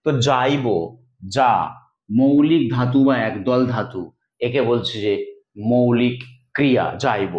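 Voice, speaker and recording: A man's voice: medium pitch, measured pace, long pauses, a little mellow, highs cut off. A male Bengali grammar teacher explaining rules step by step, repeating key points in a classroom lesson. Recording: echoey room sound.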